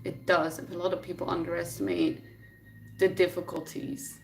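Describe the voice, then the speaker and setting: Her lowish, creaky voice comes through a distant mic with soft music playing behind it, and the recording quality is low. A native Dutch speaker from the Netherlands, she answers live-stream viewers casually, reading their questions and thinking aloud at a moderate pace with a flat delivery.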